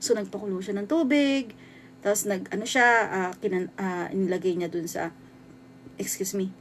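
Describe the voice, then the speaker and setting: A woman in her thirties from the Philippines, telling a true horror story in a casual, halting way with many restarts. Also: mid-range voice, fairly even intonation, slight background noise. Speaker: vlogger.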